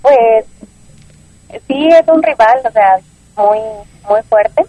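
A woman's voice: on the high side, expressive, takes it slowly, no room sound, highs cut off. A Mexican woman in her twenties, a football player giving brief, polite answers in a phone interview. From Jalisco, Mexico. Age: 20s.

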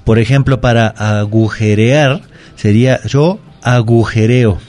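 A man's voice: medium pitch, measured pace, a little mellow. A man with a Mexican Spanish accent, a language teacher explaining grammar on a radio segment in a patient, methodical way. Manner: patient, methodical, spells words out. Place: radio studio.

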